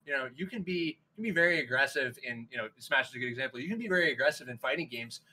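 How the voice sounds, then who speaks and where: Bright-voiced, upbeat male esports caster. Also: medium pitch, very fast, a little hiss or hum, rough recording. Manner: energetic, rambling with many fillers. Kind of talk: live esports commentary.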